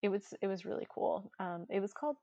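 A chatty woman co-hosting a travel podcast, talking casually and breaking into giggles. Her voice is mellow and warm, recorded dry and close. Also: mid-range voice, steady tone, fast, gravelly, dry recording, muffled recording. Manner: chatty, giggly, lots of fillers. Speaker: podcast co-host.

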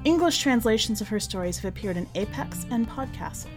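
Reading a short story as a podcast narrator, this woman speaks on the high side while music plays underneath. She gives the script an expressive delivery, with wry and deliberate stress on key words.

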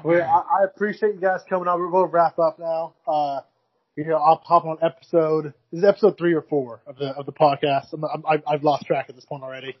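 Male podcast host, fairly high, husky voice, muffled lo-fi audio. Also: level tone, brisk. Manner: rambling, hesitant, many restarts. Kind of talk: casual chat.

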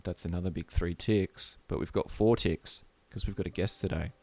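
A man's voice: low voice, fairly even intonation, moderate pace, vocal fry, darkish tone. A man with a broad Australian accent hosting a casual podcast chat in a blokey, slangy, sweary way. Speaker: podcast host.

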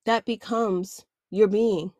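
A woman's voice: medium pitch, steady tone, takes it slowly, a little mellow, dry recording. A woman hosting a self-help podcast, talking candidly and casually with slang. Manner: candid, conversational, uses slang. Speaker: podcast host.

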